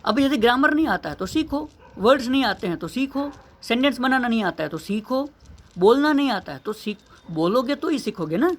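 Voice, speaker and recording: A man's voice: very high voice, animated, normal speed. A man, an English teacher, giving an earnest motivational lesson, asking rhetorical questions and repeating key phrases.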